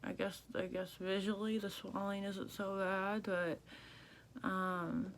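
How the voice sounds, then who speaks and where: A tired, congested woman vlogging casually and haltingly, with restricted jaw movement as if her mouth were banded shut and swollen. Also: mid-range voice, flat delivery. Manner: slow, halting, subdued. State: sore, swollen mouth after jaw surgery. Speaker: video blogger. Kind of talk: casual recovery vlog.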